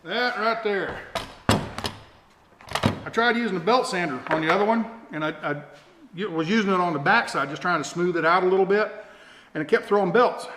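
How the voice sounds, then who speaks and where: This DIY vlog host, a middle-aged man, has a high-sitting voice that comes out pushed and bright, moving at a normal speed broken by long pauses. In a folksy, casual manner he rambles through a hands-on show-and-tell and makes fun of himself. Faint noise and room echo surround his camera-mic audio.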